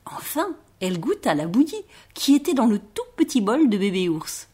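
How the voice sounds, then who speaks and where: Expressive husky woman storyteller. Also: on the high side. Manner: expressive, playful, drawn-out words. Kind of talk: children's story read-aloud.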